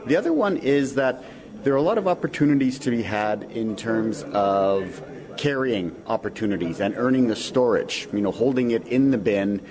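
A man explaining things conversationally as a financial advisor in a radio interview, thinking aloud with pauses. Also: medium pitch, expressive. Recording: crowd murmur in the background.

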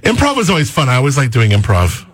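A male radio host with a slightly husky voice chats with guests in a casual, easygoing way. His speech is loose and full of fillers. The studio sound is close and dry. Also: medium pitch, huge pitch swings, fast talker, no room sound. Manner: chatty and easygoing, many fillers. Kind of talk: casual interview chat.

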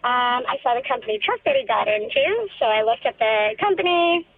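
A woman's voice: on the high side, animated, fairly quick, no echo. Woman caller with a chipmunk voice filter. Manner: sheepish, self-conscious storytelling. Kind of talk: casual chat. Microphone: phone. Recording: tinny phone line.

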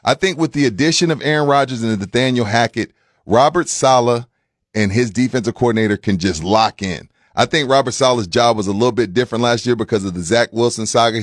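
A man's voice: medium pitch, no echo. Opinionated man hosting sports radio, dry studio sound. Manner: opinionated, casual, repeats himself for emphasis. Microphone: studio mic.

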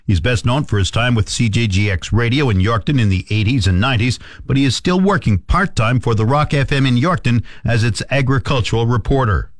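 A man's voice: medium pitch, animated, fairly quick, few pauses, no room sound, studio quality. A man with a Canadian accent reading a scripted radio farm report as the host.

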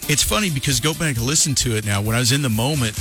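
A man's voice: mid-range voice, fast talker, music in the background. A man hosting a morning radio show, chatting casually in an easygoing, rambling way with plenty of fillers. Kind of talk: casual on-air chat.

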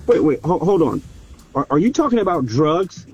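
A man's voice: fairly high pitch, big pitch swings, normal speed, darkish tone, breathy edge, faint music behind. A young man on a phone call, confused and stammering, repeating his words as he asks questions. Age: young adult. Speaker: prank call target.

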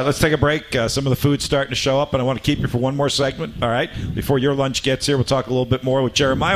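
A man hosts a live sports radio talk show, chatting in a friendly way with his guests. His voice sits at an ordinary middle pitch. He is broadcasting from a restaurant. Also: a bit bright, a little hiss or hum.

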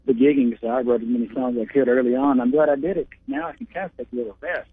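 An Oklahoma touring musician chats easily by phone as a guest in a casual interview, laughing now and then. His medium-pitched voice is animated, rapid-fire and a bit rough, with no room sound, just a tinny phone line.

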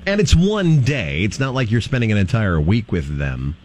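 A man's voice: lowish voice, normal speed, slight background noise. A man hosting a morning radio show, upbeat, taking calls and bantering. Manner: upbeat, takes calls, lively delivery.

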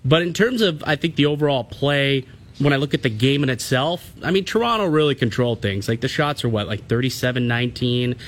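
A man's voice: medium pitch, lively intonation, brisk. A man co-hosting sports radio, giving casual, emphatic analysis.

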